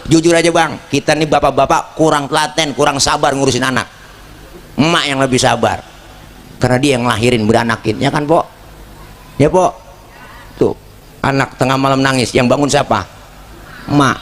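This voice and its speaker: A man's voice: mid-range voice, moderate pace, pauses often, a little hiss or hum. A man giving a joking sermon, talking straight to the crowd. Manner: joking, lively, addresses the crowd directly. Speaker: preacher. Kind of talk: comedic sermon.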